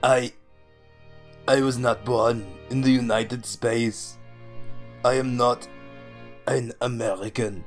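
A man's voice: mid-range voice, steady tone, soft background music, lightly acted. A man playing a dying commander. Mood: confessing. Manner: slow, halting, breathy last words. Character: dying loyal old commander, Austrian-accented. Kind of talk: comedy audio drama acting.

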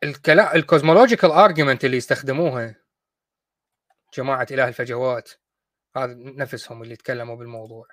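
A man hosting a talk show, talking casually and mocking his opponents with quick acted asides. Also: medium pitch, fairly bright tone, no echo, clean studio sound. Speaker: host of a call-in discussion show.

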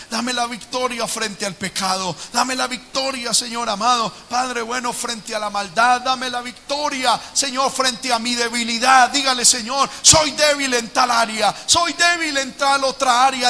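A man leading a fervent prayer sermon as pastor, moving between hushed prayer and shouted pleading cries. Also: very high voice. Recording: long hall reverb with music behind.

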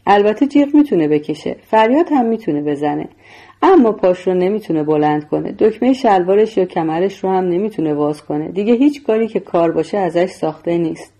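A woman's voice: on the low side, lively intonation, dark tone. A woman voicing a menacing, coldly sarcastic male gangster boss in a story reading. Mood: taunting.

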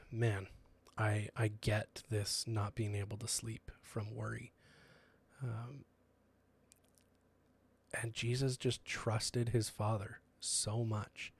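A young man speaks in a low, fairly flat voice, giving a casual sermon. He talks in an earnest, conversational way, with plenty of ums and restarts as he works through his thoughts. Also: vocal fry, slightly rough. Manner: earnest and conversational, many fillers.

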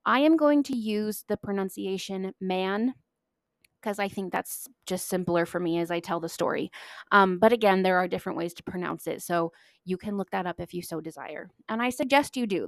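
A woman's voice: medium pitch, a little fast, no room sound. Woman doing a history podcast, punchy emphasis, dry close mic sound. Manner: emphatic, stresses key words, self-deprecating asides. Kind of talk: scripted history narration.

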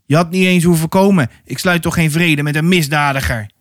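A man reading aloud, voicing a thin, tired-looking café owner who shouts back scornfully. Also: on the high side, brisk, no echo, clean studio sound, lightly acted.

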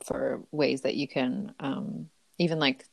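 Low-voiced female co-host, animated reactor, dry close recording. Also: slow, gravelly, no echo. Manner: animated, reacts with disbelief, repeats words. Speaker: podcast co-host. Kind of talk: casual chat.

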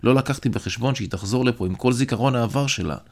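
A man narrating a novel aloud in the first person, in a measured, reflective way. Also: mid-range voice. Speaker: audiobook narrator.

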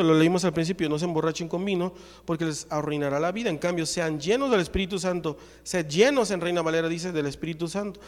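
In a church, a man with a high-sitting voice and a Mexican Spanish accent preaches in a large hall. He shares a personal testimony as lively storytelling, acting out the dialogue as he goes.

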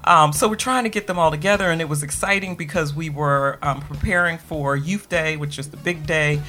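A middle-aged woman, a guest author on a radio interview, telling a personal story in an animated way and acting out the voices of people she quotes. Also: sits low, fairly quick.

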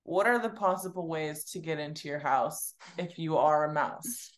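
Inquisitive young woman, slightly low voice. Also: normal speed. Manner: inquisitive, laughs often, swears casually. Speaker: podcast co-host. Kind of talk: casual chat.

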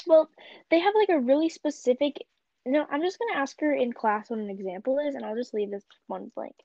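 A teenage girl chatting casually and telling stories with lively gasps and laughs. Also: sits high, fairly quick, no room sound. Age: teens. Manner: animated storytelling with gasps. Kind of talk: casual chat. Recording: dull lo-fi mic.

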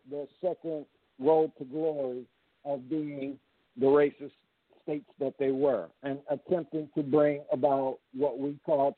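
A man speaks over a phone call, his voice thin and boxed-in, with no room sound around it. He pitches a little high for a man and rambles through a casual history talk, often stopping and restarting his sentences. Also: dry recording. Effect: heard over a phone call. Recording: tinny dry phone line.

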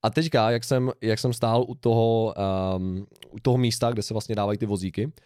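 A man's voice: fairly low pitch, fairly even intonation, warm tone, no echo. Young man telling a rambling story, dry sound. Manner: rambling anecdote with laughs and restarts. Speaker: podcast co-host. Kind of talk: casual storytelling chat.

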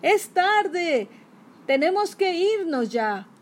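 A woman voicing a hurried, bossy villainous stage magician in a read-aloud storybook, shouting his orders. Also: very high-pitched, very animated, pitched above the performer's own voice, heavily acted.

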